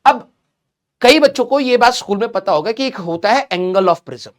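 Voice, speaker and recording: A young man teaching a recorded physics lecture with a sore throat, speaking slowly, repeating key terms and asking questions he then answers himself, slipping English phrases into his talk. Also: very high-pitched, expressive. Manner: mixes English phrases into Hindi.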